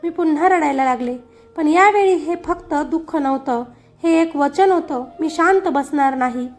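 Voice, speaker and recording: Female narrator, high voice, emotional grieving-mother storytelling over faint music. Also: normal speed. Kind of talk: scripted first-person story narration.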